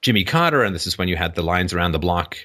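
Forceful low-voiced male talk host. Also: very animated, fast talker. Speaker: call-in show host. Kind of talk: explanatory monologue to a caller.

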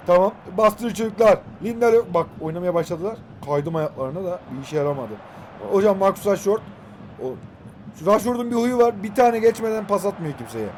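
High-voiced young man commentating a football game. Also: a little hiss or hum. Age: 20s. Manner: animated, shouts player names and talks to the players on screen. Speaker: gaming YouTuber. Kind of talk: excited live gameplay commentary.

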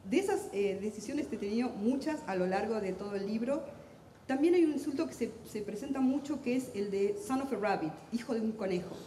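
A middle-aged Argentine woman speaks in a rather high but mellow voice, rushing through her thoughts with intensity and wry humor. She is a translator addressing a book fair audience. The sound rings around a large hall with a long, echoing tail. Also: animated, slight background noise. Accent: Argentine Spanish. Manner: talks fast and intensely, self-deprecating humor. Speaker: literary translator on a panel. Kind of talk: lively public talk at a book fair. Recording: echoey hall with long reverb.

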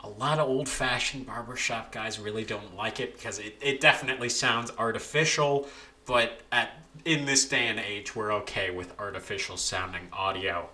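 A young man casually talking through how he edits recordings of his own singing, relaxed and with frequent restarts. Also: lowish voice, normal speed. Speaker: video creator explaining vocal editing. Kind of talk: casual voice-over tutorial.

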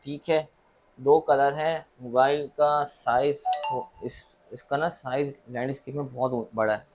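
A man with a Pakistani Urdu accent, pitching phones from his mobile shop, listing specs and prices and checking "okay?" as he goes. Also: steady tone, noisy background. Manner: brisk, lists specs, repeats "okay?" to check understanding. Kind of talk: sales pitch to camera.

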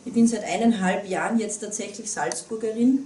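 Speaking a little fast in a warm, medium-pitched voice, a thirtysomething guest speaker with an Upper Austrian accent earnestly addresses a small group in a small meeting room, often restarting sentences and using fillers. The public talk is picked up by a far camera, giving roomy, distant sound with slight hiss or hum.

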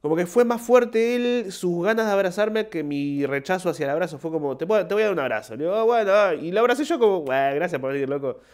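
A man's voice: on the high side, fast, few pauses, a little mellow. Rambling young Argentine man. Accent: Argentine Spanish. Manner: rambling, self-mocking, acts out short quoted voices. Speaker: podcast host and comedian. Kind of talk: casual monologue.

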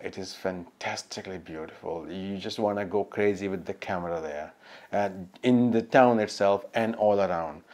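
A man talking casually to camera in a travel vlog, hesitant and pausing often. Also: deep voice, darkish tone. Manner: hesitant, with many fillers and restarts. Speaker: travel vlogger.

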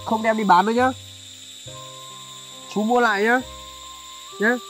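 A man hosting a charity vlog outdoors in a highland village, talking politely to viewers with many fillers. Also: steady tone, unhurried, fairly bright tone, faint music behind, rough recording. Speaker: charity vlogger. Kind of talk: vlog narration and chat on location.

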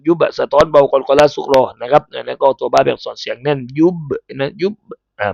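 A man with a Thai accent teaching Quran recitation, chanting letters slowly in a melody and explaining pronunciation in a lesson. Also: medium pitch, creaky, darkish tone, no echo. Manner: slow melodic spelling chant, then brisk explanation. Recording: dull lo-fi sound.

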